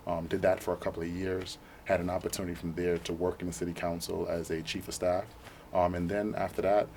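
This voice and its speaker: A young man answers interview questions earnestly, filling his pauses with ums. His voice is very deep and quite flat, and he talks quickly. A faint noise sits behind the studio sound. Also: creaky. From Brooklyn, New York. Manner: fluent, frequent ums, earnest. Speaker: political candidate, interview guest.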